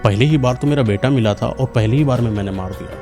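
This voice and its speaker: A man's voice: mid-range voice, fast talker, music in the background, lightly acted. A man voicing the grieving ghost of a mother in a told horror story, speaking with anguished, reproachful pleading. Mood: remorseful.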